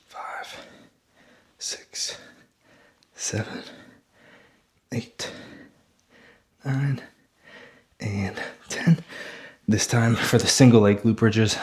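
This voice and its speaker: A man leading a follow-along workout as a fitness coach, out of breath, counting reps aloud that trail off breathy mid-set. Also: mid-range voice, darkish tone.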